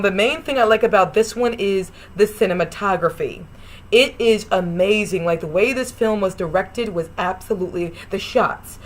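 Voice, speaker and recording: A young woman casually reviewing and ranking films, talking in a chatty, rambling way with restarts and gushing praise. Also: mid-range voice. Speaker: vlogger ranking film adaptations.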